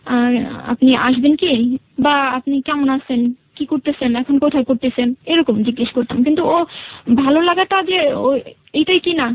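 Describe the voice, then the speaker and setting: A woman with a Bangladeshi accent, guesting on a radio show, tells her story at normal speed in a high voice broken by long pauses. She hesitates and repeats herself to explain, and the audio is narrow and tinny.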